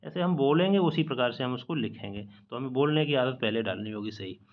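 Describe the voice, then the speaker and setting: A man's voice: mid-range voice, lively intonation, brisk, narrow, tinny audio. A man teaching a spelling lesson from slides, patiently repeating each correct word and mixing English words into his explanations. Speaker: exam-prep teacher.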